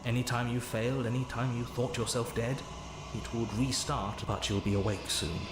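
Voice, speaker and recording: A man's voice: medium pitch, steady tone, background noise, close to an everyday voice. A man acting a bitter, sardonic game narrator. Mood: cold, reproachful. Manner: measured, sardonic, reproachful. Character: grim male narrator, bitter and sardonic, manipulative. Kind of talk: theatrical scripted game narration.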